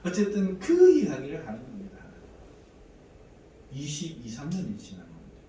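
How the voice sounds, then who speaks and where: A man's voice: a little high, huge pitch swings, normal speed, warm tone, slight background noise. Echoey preacher man in his forties. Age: 40s. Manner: dramatic storytelling, acting out prayers and quoted voices. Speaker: pastor. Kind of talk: sermon with personal testimony. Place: church sanctuary. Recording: echoey church hall, mic at a distance, faint room ambience.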